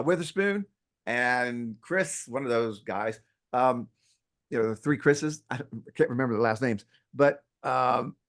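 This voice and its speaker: Emphatic, playful male real estate instructor. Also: medium pitch. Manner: emphatic, playful, lively storyteller. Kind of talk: interview conversation. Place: at home near an outdoor deck.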